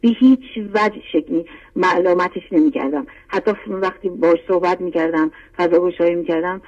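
A woman's voice: on the low side, steady tone, darkish tone. A middle-aged woman calling in, giving an earnest, heartfelt testimony and urging listeners on. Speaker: caller. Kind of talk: call-in testimony. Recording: dull lo-fi phone line.

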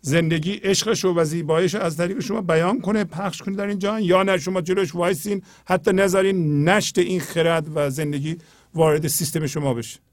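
A man hosts a spiritual talk, explaining poetry earnestly in a steady tone and often sinking into a low, quiet register. There is no echo.

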